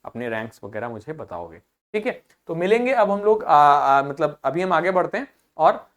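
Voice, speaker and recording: A teacher leading an online vocabulary class, with a middle-pitched voice that sits between low and high. They repeat each word slowly two or three times for the students to copy. They keep stopping to check that everyone is following. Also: very animated. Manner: often checks in with "ठीक है"; addresses students directly and encourages them.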